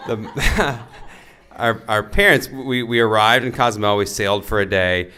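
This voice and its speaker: A man's voice: lowish voice, measured pace. A young man, the groom's brother, telling a funny story in a wedding toast and laughing along as he goes. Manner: animated storyteller who laughs through his lines.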